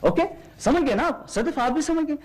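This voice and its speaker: A high-voiced, impatient stage director. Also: male voice, expressive, normal speed. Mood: instructing. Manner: curt, dismissive. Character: brusque male theatre director, impatient and dismissive. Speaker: actor. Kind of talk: television drama acting.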